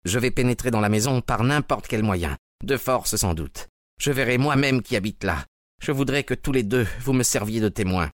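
A man's voice: mid-range voice, moderate pace, no room sound, studio quality, voice pushed up, lightly acted. A man voicing an agitated, determined husband who speaks in tense, urgent murmurs.

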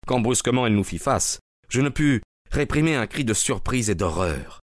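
A man narrating a detective story in a steady audiobook style. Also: medium pitch, moderate pace, dry recording, clean studio sound.

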